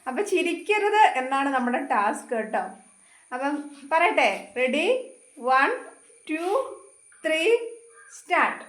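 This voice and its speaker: A woman's voice: high voice, fairly bright tone. A woman hosting a casual family challenge vlog at home, playful and giggly, coaxing the others along. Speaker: vlogger host. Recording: echoey room.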